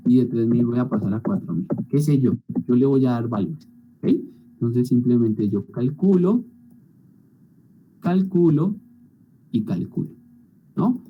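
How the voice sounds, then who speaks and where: A man's voice: mid-range voice, highs cut off, a little hiss or hum. A male teacher walking students through spreadsheet calculations in an online class, often checking in with them. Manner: talks through spreadsheet steps, frequent checking tags.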